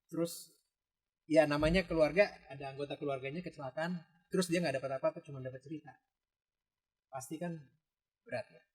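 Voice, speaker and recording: A man's voice: on the high side, steady tone, a little fast, long pauses, poor audio. A man on a podcast as a rescue-team guest, speaking in an earnest, explanatory way. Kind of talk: casual chat.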